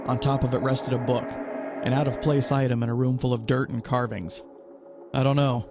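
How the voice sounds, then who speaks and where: A male podcast host with a mid-range voice reads a first-person adventure story in a steady, measured storytelling manner, over loud music.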